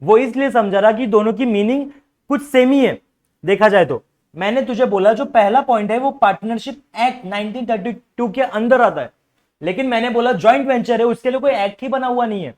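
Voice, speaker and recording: A young man with a very high voice moves briskly through a commerce class lecture, quizzing students over and over. He keeps nudging them to ask whatever doubts they have.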